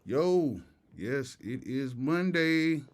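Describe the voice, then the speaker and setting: A man's voice: mid-range voice, lively intonation, extremely slow. American man livestreaming with retainers in. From Tampa, Florida. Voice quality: slightly off articulation from wearing retainers. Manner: slangy, repeats greetings and phrases. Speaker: livestream host and music producer. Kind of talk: casual livestream chat.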